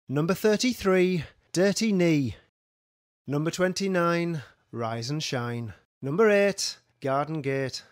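A man calls bingo in a slow, scripted sing-song. His pitch swings widely as he announces each call. The sound is close and dry, like a studio recording. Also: dry recording. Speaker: bingo caller. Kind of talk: scripted bingo calling, numbers with rhyming nicknames.

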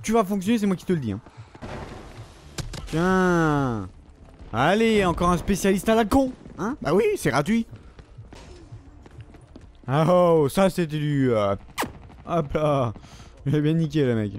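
A man giving excitable, slang-heavy commentary over his own gameplay, swearing often. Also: fairly high pitch, measured pace, pauses often, a little hiss or hum. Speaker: gaming video creator.

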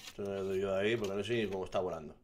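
A young man from giving casual, excitable commentary over his survival gameplay, swearing and shouting when something startles him. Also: low voice, rapid-fire, a little hiss or hum. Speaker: gaming streamer.

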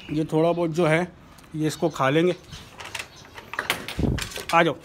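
Male vlogger, chatty and talking to viewers while working, slightly high voice, noisy outdoor phone recording. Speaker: bird keeper vlogger. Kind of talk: casual vlog narration. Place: rooftop kitchen and bird pens, outdoors. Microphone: handheld phone camera.

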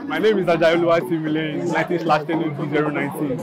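A man's voice: fairly high pitch, level tone, fast, loud music behind the voice. A young man with a Nigerian accent, a student exhibitor, introducing himself hesitantly on camera at an outdoor market. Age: young adult. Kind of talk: on-camera vox pop. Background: loud crowd.

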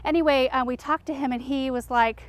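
High-voiced chatty woman touring her garden. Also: fairly even intonation, fairly quick. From Eastern Oregon, US. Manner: chatty, enthusiastic, lots of fillers like "um" and "like". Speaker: garden show host. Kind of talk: casual garden tour walkthrough. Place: outdoor home garden.

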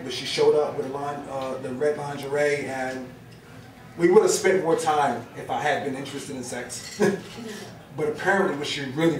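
A middle-aged man with a New Jersey accent, his voice pitched a little high. He performs spoken word on a stand mic in a brick-walled bar lounge and trades loose, profane banter with the audience. He is picked up by a far camera in a roomy room, with crowd murmur behind him. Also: slight background noise. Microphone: stand mic, recorded by a far camera. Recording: roomy live bar sound from afar. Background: audience ambience and laughter.

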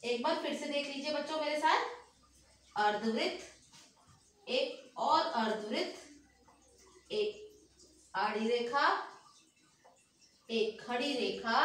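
A high-pitched woman teaching a nursery class, drawing out each word so small children can follow and repeat. Her voice sits a little away from the microphone and rings in a very echoey room. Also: fairly bright tone, recorded from a distance. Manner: slow, patient, sing-song repetition for children.

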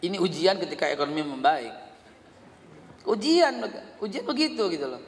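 A middle-aged man, preaching a sermon and telling animated stories about his family. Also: on the high side, normal speed, a little hiss or hum. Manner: animated storytelling, quoting family dialogue; sings snatches of a song. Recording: long hall reverb.

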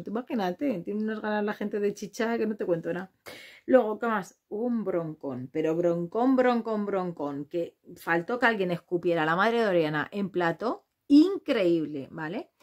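A woman from Spain talks casually about a reality show in a blunt, outspoken way. She swears freely and quickly slips into mimicking the people she talks about. Her voice sits at an ordinary middle pitch for a woman. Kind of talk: casual gossip commentary.

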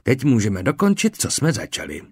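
A male narrator voicing a calm, methodical Roman army surgeon in an audiobook, speaking in a steady, instructive, lowered tone. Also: slightly rough, dry recording, clean studio sound. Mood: measured. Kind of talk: audiobook character reading.

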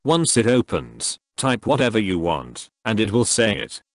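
A man's voice: fairly low pitch, very animated, moderate pace, dry recording, clean studio sound. A computer-generated male voice reading a scripted tutorial narration. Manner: text-to-speech voice reading a script.

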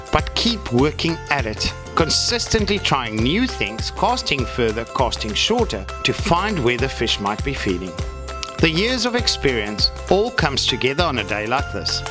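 A man giving scripted narration for a fishing competition video, measured and explanatory. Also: mid-range voice, sing-song. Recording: voice-over with loud music behind.

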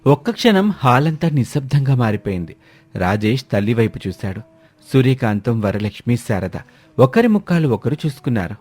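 A man's voice: mid-range voice, big pitch swings, normal speed, a little mellow. Man narrating a dramatic story.

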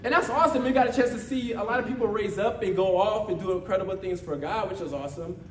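An American church leader delivers an informal motivational sermon in a high-pitched voice at a quick pace. He exhorts conversationally, repeats phrases, and checks for agreement as the congregation responds in a church meeting room, captured from far off in an echoey room with faint noise.

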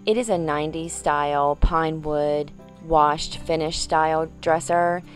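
A woman's voice: low-pitched, steady tone, measured pace, faint music behind. A middle-aged woman hosting a home decor vlog, explaining a room makeover in a chatty way. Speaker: home decor vlogger, host. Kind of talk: room makeover tour presentation. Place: bedroom, indoors, for the on-camera part.

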